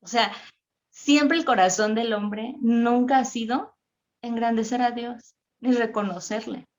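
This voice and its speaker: Mexican woman, higher voice, lively informal Bible talk for a women's group, acts out the quotes. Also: measured pace. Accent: Mexican Spanish. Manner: chatty and expressive, acting out quotes with sudden high exclamations. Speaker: speaker at a women's church meeting.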